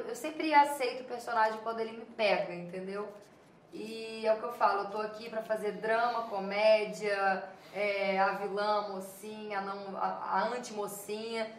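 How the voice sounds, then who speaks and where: A young adult actress with a Minas Gerais accent, chatting in an interview, reflective and trailing off with little tags. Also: female voice, mid-range voice. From Minas Gerais, Brazil. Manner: reflective, trailing off with "sabe?" and "assim". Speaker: actress guest. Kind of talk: casual interview chat. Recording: roomy, distant mic, faint noise.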